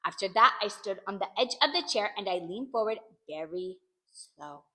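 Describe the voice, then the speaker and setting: A woman reading a children's book aloud in an animated, expressive way, narrating in the first person. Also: medium pitch, moderate pace. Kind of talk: storybook read-aloud.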